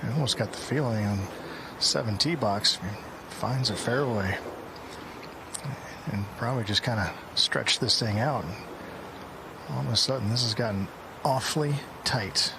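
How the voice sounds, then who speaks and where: A man's voice: mid-range voice, a little slow. Male golf analyst, mid-range voice. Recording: clear outdoor ambient noise.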